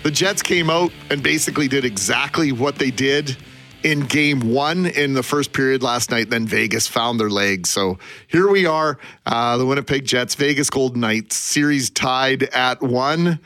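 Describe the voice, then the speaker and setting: A man in casual sports radio chat, somewhat halting, as a co-host. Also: medium pitch, bright, forceful tone, faint music behind. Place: dry radio studio.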